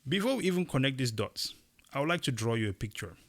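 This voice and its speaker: Casting: young male co-host from Cameroon, gravelly voice, emphatic delivery with animated bursts. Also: medium pitch, fast. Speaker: podcast co-host. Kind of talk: casual opinion chat.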